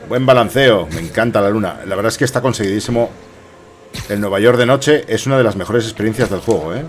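Low-pitched middle-aged Spanish man streaming games. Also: fast, a little hiss or hum. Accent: Spanish from Spain. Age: 50s. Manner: jokey, muttering to himself, echoing the game's lines. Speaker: game streamer. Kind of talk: casual gameplay commentary. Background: game music.

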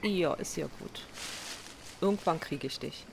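A woman's voice: low voice, a little slow, vocal fry, background noise. A woman chatting casually to herself while she plays and crafts in a survival game, often poking fun at herself. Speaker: gaming video host. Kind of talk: casual let's play commentary.

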